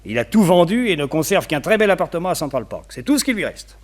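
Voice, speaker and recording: In a French radio detective play, an actor voices a well-connected society gentleman with strong opinions, talkative and wryly fond of gossip. His voice sits on the high side with big swings in pitch, and he talks fast. He comes across as confiding, as if briefing someone.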